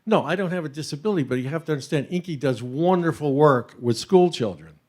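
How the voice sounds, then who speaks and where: A man's voice: a little high, animated, fast, darkish tone. A man voicing an insistent woman defending her therapy dog in an earnest, pleading way.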